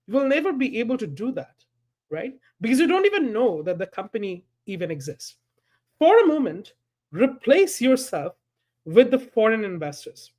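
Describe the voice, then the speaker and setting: A man speaks as a panel guest, laying out a persuasive argument. His pitch swings widely as he talks, and he keeps turning to the listener with rhetorical questions. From Bangladesh. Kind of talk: prepared commentary.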